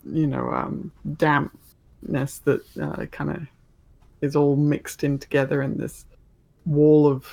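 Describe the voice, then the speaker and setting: A man runs a tabletop game with improvised narration. His voice is gravelly and he talks slowly and haltingly, feeling for each word. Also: fairly high pitch, level tone, a little mellow. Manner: halting, searching for words. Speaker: game master.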